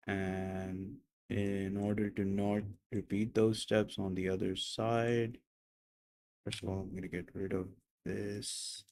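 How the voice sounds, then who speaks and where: A man's voice: sits low, vocal fry, darkish tone, poor audio. A young man mumbling to himself as he talks through building a 3D model on a stream. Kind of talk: casual thinking aloud while modeling.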